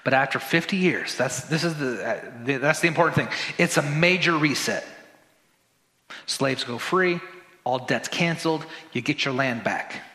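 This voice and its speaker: A man delivers a sermon as pastor in a church sanctuary, speaking conversationally with joking asides and repeated words. His mid-range voice has a sharp tone at normal speed, and the hall adds roomy reverb.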